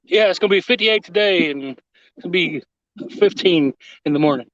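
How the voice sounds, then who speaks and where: A man's voice: high-pitched, brisk, fairly bright tone, dry recording. Laid-back older man, fishing livestream. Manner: laid-back, laughs often. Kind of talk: casual livestream chat. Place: outdoors by a river, on a boat. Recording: muffled lo-fi stream audio.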